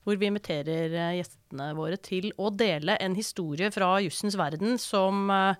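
A woman's voice: fairly low pitch, clean tone, dry recording, studio quality. A woman hosting a podcast, interviewing a guest and closing the episode in an articulate, upbeat way. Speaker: podcast host.

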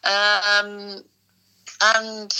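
A woman's voice: mid-range voice, monotone, drawn-out words, bright, forceful tone, smooth, rough recording. A middle-aged British woman giving casual agony-aunt advice, hesitant and thinking aloud with plenty of "you know".

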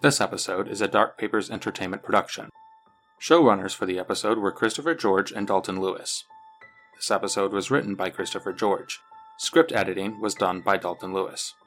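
A man's voice: deep voice, fairly quick, a bit bright, soft background music. A man, the show's creator, reading credits and a grateful outro. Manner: friendly, grateful. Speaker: podcast creator.

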